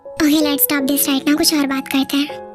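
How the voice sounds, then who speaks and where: A woman's voice: high-pitched, level tone, slow pace, over music. Woman voicing a possessive young man. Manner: pushy, demanding questions.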